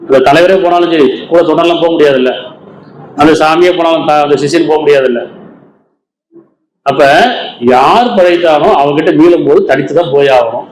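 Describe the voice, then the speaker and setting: A man's voice: fairly high pitch, brisk, pauses often, darkish tone. Man preaching in an echoey room. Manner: rhetorical questions to listeners. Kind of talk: Islamic sermon in Tamil. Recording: echoey room with faint ambience.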